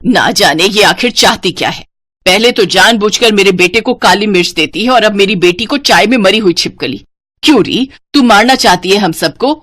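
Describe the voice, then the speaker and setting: A woman voicing a stern, short-tempered older mother-in-law in a storybook tale, speaking lower and scolding. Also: moderate pace, fairly bright tone, no echo, natural voice. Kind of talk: storybook voice acting.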